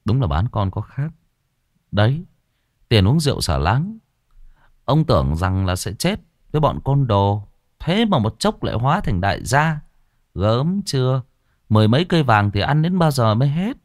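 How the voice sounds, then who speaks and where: A man's voice: mid-range voice, very animated, moderate pace, dry recording, clean studio sound, voice pushed up, natural voice. A man voicing a sneering village gossip in a tavern who mocks a neighbor, in a story reading. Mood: mocking. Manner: mocking, scornful.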